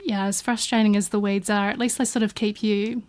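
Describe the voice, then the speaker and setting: Talking briskly in a mid-range voice with little pitch variation, a New Zealand woman guests on a relaxed studio podcast as an artist's studio partner. She shares warm, chatty stories, often restarting and using fillers.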